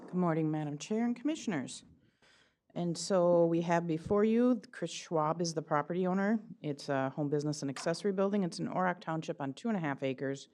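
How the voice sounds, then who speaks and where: Mellow low-voiced woman staff presenter. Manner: brisk, matter-of-fact. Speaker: county planning staff. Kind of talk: staff report at a public meeting.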